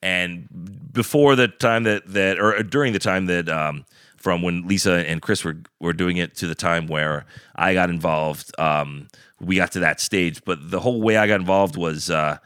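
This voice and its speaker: A low-voiced man talks casually, rambling through a story with plenty of fillers and restarts. He swears now and then and sounds easygoing. The sound is dry and close. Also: moderate pace, a bit bright, clean tone, no room sound. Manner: rambling, storytelling with lots of fillers and acted-out quotes. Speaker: guest, brewery partner and food truck owner. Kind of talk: casual chat.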